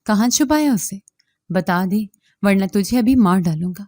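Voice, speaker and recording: A woman voicing an abusive middle-aged father who shouts harsh threats in a raised, loud voice. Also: medium pitch, lively intonation, no room sound, lightly acted. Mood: furious, threatening.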